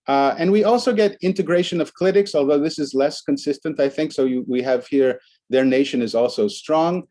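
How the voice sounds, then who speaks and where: Man, conference talk, warm dark tone, explanatory, slide walkthrough. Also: on the high side, a little fast. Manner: explanatory, walking through slide examples. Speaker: academic presenter.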